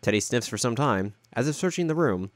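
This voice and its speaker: Man reading game text aloud, steady. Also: mid-range voice, fairly quick, soft background music. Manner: plain, steady reading with small slips. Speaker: let's-play host.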